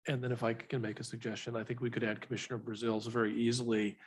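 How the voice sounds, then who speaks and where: A man with a husky voice speaks quickly while offering wording suggestions in a meeting. His manner is brisk and helpful. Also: mid-range voice, flat delivery. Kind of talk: meeting discussion.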